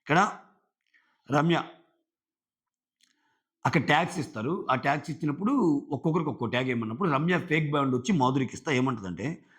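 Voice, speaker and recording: A man with a slightly high voice gives a casual, conversational show review. He retells scenes in an easy talking style, quoting what the contestants said. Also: animated, a little fast, long pauses, fairly bright tone.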